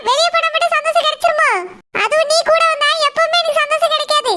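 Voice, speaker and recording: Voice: extremely high pitch, little pitch movement, quick pace. A voice actor doing a scornful, short-tempered cartoon husband. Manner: curt, scolding. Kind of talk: cartoon voice acting. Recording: loud background noise.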